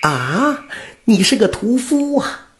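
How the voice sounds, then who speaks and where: Guy doing a whiny old granny, high and drawly, gravelly edge, all over the place. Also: big pitch swings, slow pace, noisy background, heavily acted. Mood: indignant. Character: self-righteous old woman beggar, touchy and pious.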